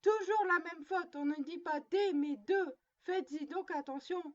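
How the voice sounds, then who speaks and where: A woman's voice: very high-pitched, normal speed, lo-fi sound. A woman reading a storybook, voicing a little girl who sternly plays mother to her doll, prim and lecturing. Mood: scolding.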